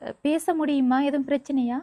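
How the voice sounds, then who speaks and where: A woman's voice: high-pitched, steady tone, normal speed. Soothing Sri Lankan Tamil woman vlogger. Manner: soft, soothing, reassuring. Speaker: vlogger visiting a family. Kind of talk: casual conversational interview.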